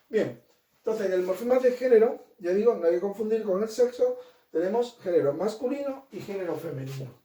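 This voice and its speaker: A man's voice: sits high, dark tone, far from the mic. A man giving a grammar lesson, asking rhetorical questions and checking in with his students. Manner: explains with many examples and rhetorical questions; checks in with "¿vale?" and "¿de acuerdo?". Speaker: teacher. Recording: roomy, from away from the mic.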